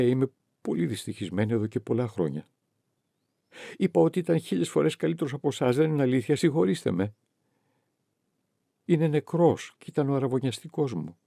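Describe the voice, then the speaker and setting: A man's voice: medium pitch, gravelly, warm tone, no room sound, clean studio sound, pitched above the performer's own voice. A man voicing a grieving, bitter young noblewoman who accuses and pleads in turn, in an audiobook reading. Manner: emotional, accusing then pleading.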